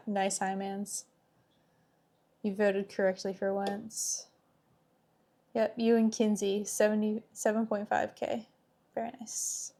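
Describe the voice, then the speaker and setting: A woman's voice: medium pitch, level tone, takes it slowly, creaky, pauses often, mellow. A woman hosting a livestream, chatting casually with her viewers. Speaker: live streamer hosting.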